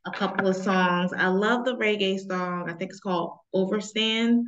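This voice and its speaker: A woman's voice: mid-range voice, fairly even intonation, moderate pace, fairly bright tone, lo-fi sound, a little hiss or hum. A woman hosting an interview show, upbeat and encouraging, speaking both to her guest and to the viewers. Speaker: talk show host.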